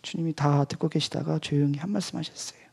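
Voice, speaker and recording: A male pastor and missionary giving a testimony at an evening church service, swinging between loud outbursts and hushed whispers. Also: a little high, fairly even intonation, fast talker, vocal fry, slightly rough. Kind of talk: sermon testimony.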